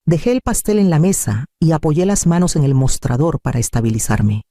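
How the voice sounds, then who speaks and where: A man reading a scripted first-person family drama in a calm, measured storytelling manner. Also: fairly high pitch, dry recording, studio quality. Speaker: narrator.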